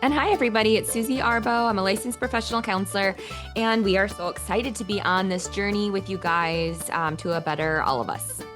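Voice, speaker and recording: A woman's voice: medium pitch, steady tone, fairly quick, music in the background. A woman co-hosting a podcast as a counselor, chatting upbeat and rambling with many fillers and restarts. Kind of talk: casual podcast chat.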